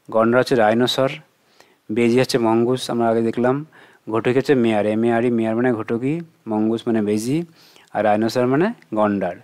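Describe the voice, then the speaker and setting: A man with a Bengali accent walks children through test questions in a mid-range voice. He poses each question, pauses, then patiently supplies the answer himself. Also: mid-range voice, a little mellow. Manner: patient, asks and answers his own questions. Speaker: teacher. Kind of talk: exam question walkthrough for children.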